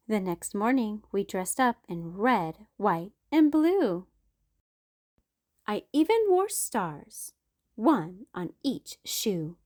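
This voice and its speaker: At a storytime, a woman reads a rhyming picture book aloud, her sing-song delivery full of expression and wide jumps in pitch.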